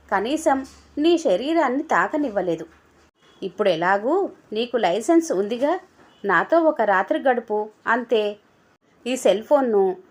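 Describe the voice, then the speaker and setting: A sleazy young man from an audio storybook, crude and mocking, who talks with a leering, taunting edge. A woman reads him, keeping her own fairly high voice.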